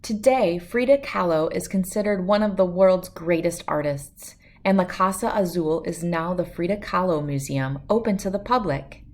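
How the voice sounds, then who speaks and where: A woman's lowish voice carries a first-person children's picture book read aloud with expressive, well-phrased narration. She keeps a moderate pace and hardly pauses.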